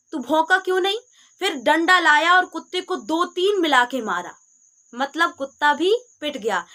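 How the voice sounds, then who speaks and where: A woman's voice: high voice, bright, forceful tone. A woman giving a devotional scripture lesson, explaining each verse in simple words with homely examples and a small moral story, often restating her points.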